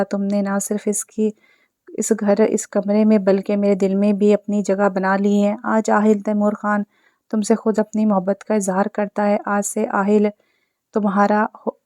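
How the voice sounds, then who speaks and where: A woman reading the lines of a young man, a brusque husband who turns tender, in a flat, even storybook reading. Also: medium pitch, no echo, lightly acted.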